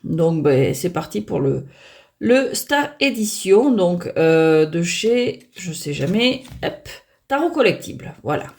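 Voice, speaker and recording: Chatty woman with a gravelly voice. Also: on the low side, big pitch swings, slow, a little mellow. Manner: chatty, hesitant, many fillers and restarts; self-mocking. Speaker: tarot deck reviewer. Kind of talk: casual unboxing chat.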